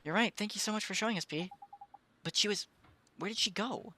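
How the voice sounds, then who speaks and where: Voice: medium pitch, brisk, bright, forceful tone, a little hiss or hum, pitched above the performer's own voice, lightly acted. A player voicing a polite, earnest young boy.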